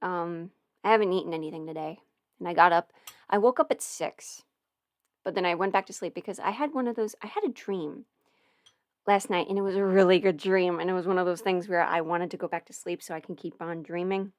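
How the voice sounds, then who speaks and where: She talks a little fast in a fairly low voice, rambling and muttering to herself while fiddling with settings during a casual livestream. This audio performer is alone in her house. The studio mic through an audio interface captures her with no echo.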